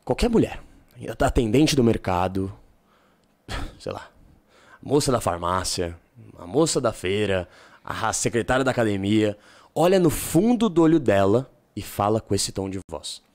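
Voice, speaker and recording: Man, podcast guest, casual, animated, slangy, low seductive demonstrations. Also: unhurried. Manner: animated storyteller, drops into low seductive tone for examples. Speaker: guest giving dating advice.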